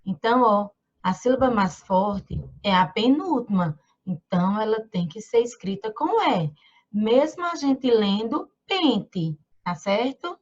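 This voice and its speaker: A woman teaches small children over a muffled computer mic. She speaks slowly and patiently, her slightly high voice rising and falling in a lively sing-song. She stretches out syllables as she sounds out words. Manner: slow, patient, sing-song teacher talk with frequent tag questions. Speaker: primary school teacher. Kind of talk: online lesson for young children. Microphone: computer mic during screen share.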